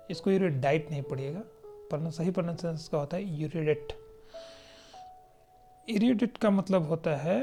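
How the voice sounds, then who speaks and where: Mellow-voiced vocabulary teacher. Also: mid-range voice. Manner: explanatory, checks in often with "right?"; slows down to read definitions aloud. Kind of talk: exam-prep vocabulary lesson.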